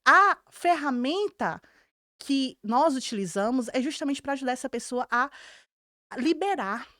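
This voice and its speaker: Brazilian woman therapist, high, dry sound. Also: expressive, measured pace, bright, forceful tone, dry recording. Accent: Brazilian Portuguese. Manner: earnest storytelling, acts out clients' words. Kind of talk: podcast conversation.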